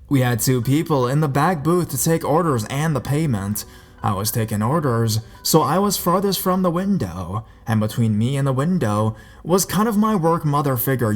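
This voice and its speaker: Man, horror story narration, measured and ominous, mid pitch, faint music underneath.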